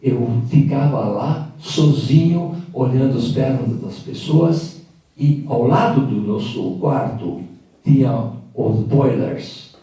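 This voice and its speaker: An older Hungarian man, a native Hungarian speaker, tells personal stories as a guest speaker in an event hall. His mid-range, dark voice is reflective and halting, with fillers. A distant mic in the echoey hall picks him up.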